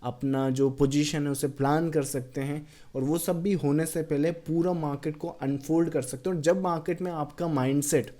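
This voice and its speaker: A man's voice: on the high side, warm tone. A man teaching chart-based trading, switching between Hindi and English and counting out waves, blunt with people who doubt him. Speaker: trading educator. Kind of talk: chart walkthrough lesson.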